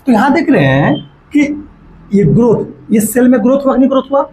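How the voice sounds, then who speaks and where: Male biology lecturer, high voice, quizzing tone, dictates notes word by word. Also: big pitch swings, darkish tone, a little hiss or hum, low-quality recording. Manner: asks rhetorical questions and checks understanding; mixes in English terms while dictating notes slowly. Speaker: biology teacher. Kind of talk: classroom lecture.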